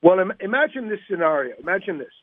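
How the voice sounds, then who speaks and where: A man calling in as a guest on a radio show, telling stories in an animated way with repeated phrases over a phone. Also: high voice, fast talker, no echo. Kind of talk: radio show caller, live on-air talk. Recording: band-limited phone line on radio.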